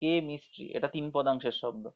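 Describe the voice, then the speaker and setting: A man teaches an online class with a slightly raised voice, going over points slowly and checking in with his students again and again. He stretches example words out syllable by syllable. The audio is dull and lo-fi, as from a computer mic. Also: a little high. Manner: explains slowly, checks understanding with frequent tag questions; drawls words out syllable by syllable when demonstrating.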